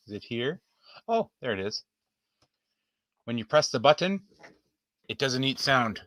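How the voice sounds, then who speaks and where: Showing his collectibles to the camera, a vlog host chats in an upbeat, playful manner. His voice is medium-pitched with a sharp tone, and the recording is dry.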